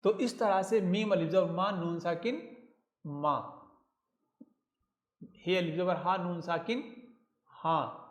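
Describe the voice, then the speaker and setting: Man, teacher, spells each word letter by letter, unhurried, repetitive, roomy echo. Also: high-pitched. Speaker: Urdu teacher. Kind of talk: slow spelling lesson.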